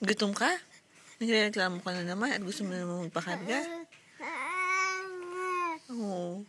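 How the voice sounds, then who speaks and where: A woman's voice: mid-range voice, normal speed, pauses often, fairly bright tone, a little hiss or hum. A young woman, a mother, chatting and teasing her baby in playful sing-song baby talk at home.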